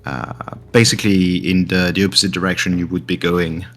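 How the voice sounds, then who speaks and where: A man's voice: low-pitched, little pitch movement, a little fast, fairly bright tone, soft background music. A man narrating a tabletop game as game master, hesitant with many fillers.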